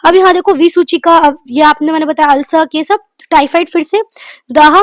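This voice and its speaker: A woman giving a quick exam revision lecture, running through lists of topics and mixing in English terms. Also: high-pitched, no echo. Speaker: exam prep tutor.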